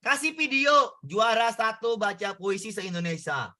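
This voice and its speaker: A male tutor works through exam questions in a casual, back-and-forth way and keeps asking his students for answers. His voice sits high for a man. It sounds very bright and sharp. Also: animated, unhurried. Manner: conversational, asks students questions. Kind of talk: exam prep lesson.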